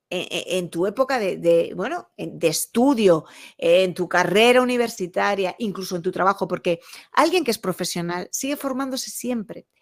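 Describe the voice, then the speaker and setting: A woman hosting an interview, asking long questions with hesitations. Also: fairly low pitch. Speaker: interview host. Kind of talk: conversational interview.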